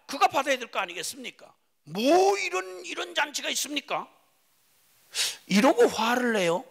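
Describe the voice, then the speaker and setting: A man's voice: sits high, gravelly, pushed and bright, husky. A man preaching an impassioned sermon, emphatic and full of rhetorical questions.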